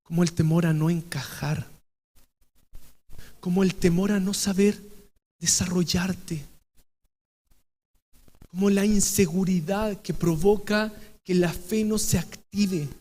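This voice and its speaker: A Chilean pastor preaches in a very high, light voice, taking his time over every phrase. He moves between near-whispers and ringing, shouted emphasis. A long church-hall reverb trails after his words. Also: fairly even intonation, takes it slowly, pauses often. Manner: dramatic swings from hushed to shouted emphasis. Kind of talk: sermon.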